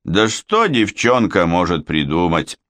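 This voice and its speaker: Casting note: a bitter, snappish older Frenchwoman villain, read by a man with a low, lively voice in a dry booth. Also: measured pace, dry recording, full character voice. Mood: spiteful. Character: vengeful scheming older Frenchwoman, spiteful. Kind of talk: audiobook character voice.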